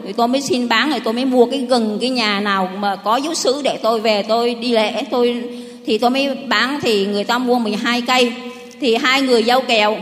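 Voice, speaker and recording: A woman's voice: on the high side, fairly bright tone. A middle-aged woman gives a rambling, heartfelt church testimony. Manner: rambling, heartfelt storytelling with many restarts. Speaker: parishioner giving testimony. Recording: long hall reverb.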